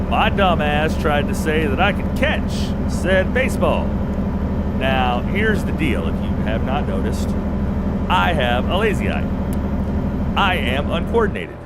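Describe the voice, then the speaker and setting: A man with a mid-pitched, very animated voice rambles through stories like a casual game streamer. He swears freely and talks to viewers informally. Loud truck engine and road noise runs behind him. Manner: profane, rambling, storytelling. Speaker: livestreaming gamer. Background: loud truck game engine and road sounds.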